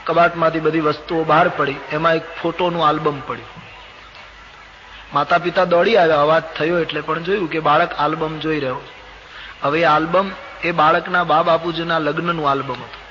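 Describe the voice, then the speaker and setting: A man's voice: on the high side, moderate pace. An older man with a Gujarati accent, telling a devotional scripture story and acting out the characters' lines with expression. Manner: expressive, acts out dialogue of gods and characters. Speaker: storyteller preacher. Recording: dull lo-fi old recording with faint hiss.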